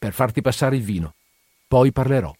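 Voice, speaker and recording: A man's voice: medium pitch, animated, normal speed, slightly rough, no room sound, clean studio sound. A man reading aloud, voicing a wary young woman from a harbor tavern who speaks hesitantly and guardedly. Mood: firm. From from Perpignan (figure). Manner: hesitant, quiet, guarded questioning.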